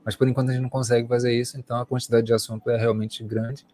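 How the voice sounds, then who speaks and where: A man's voice: medium pitch, level tone, rapid-fire, darkish tone. A man with a Brazilian Portuguese accent, co-hosting a sports talk show and reflecting casually at the close, rambling with fillers. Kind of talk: casual wrap-up chat.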